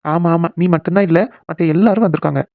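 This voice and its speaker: A bossy but caring young man in a cartoon, as a voice actor puts him on, talks fast as he coaxes and gently scolds a friend. The sound is tinny and phone-like, with no room around it. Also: mid-range voice, no echo, lightly acted. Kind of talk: cartoon voice acting.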